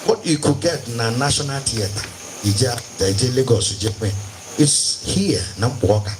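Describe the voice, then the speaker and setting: A medium-pitched, expressive man keeps a measured pace as master of ceremonies at a live stage event. He has a Nigerian Igbo accent and alternates Igbo and English in showy announcer lines, heard through a microphone amid event noise.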